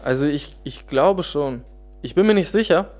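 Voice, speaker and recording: A man from Germany, a guest author in a relaxed interview, speaking hesitantly with many pauses and restarts. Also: fairly high pitch, faint music behind. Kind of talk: casual interview talk.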